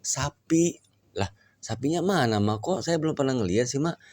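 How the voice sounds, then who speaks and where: A man voices an eager, devout teenage boy who keeps pressing his mother with questions, performing lightly and pitching above his own natural voice. The delivery is mid-range with lively intonation, a moderate pace and a darkish tone, recorded at studio quality with no room sound.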